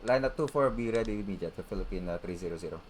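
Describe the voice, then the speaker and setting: Deep-ish male pilot voice, cockpit headset style, clipped callouts and readbacks. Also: expressive, very fast, slightly rough. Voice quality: clipped aviation phraseology with hesitations. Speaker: pilot in a flight simulator.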